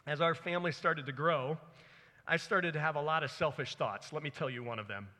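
Pitched on the high side, his bright, forceful voice moves fairly quickly. He is a man in his forties preaching with earnest, conversational warmth, telling personal stories and dramatizing his thoughts, while a hall's long reverb surrounds him.

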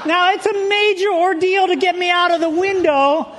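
A man with a strikingly high-pitched voice preaches to a congregation. He tells his story with lively, animated energy, laughing along as he talks and turning to the people in the pews. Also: moderate pace. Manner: addresses the congregation directly. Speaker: pastor. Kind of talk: sermon opening with a humorous personal story.

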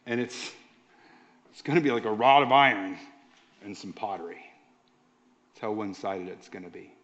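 A pastor preaching a sermon in an emphatic, slow and deliberate way. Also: male voice, fairly low pitch, fairly bright tone. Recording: dull lo-fi sound.

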